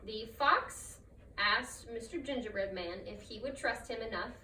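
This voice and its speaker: A woman's voice: fairly high pitch, unhurried, pushed and bright. A woman storyteller narrating a trickster folktale in her own improvised words. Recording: roomy, distant mic, faint noise.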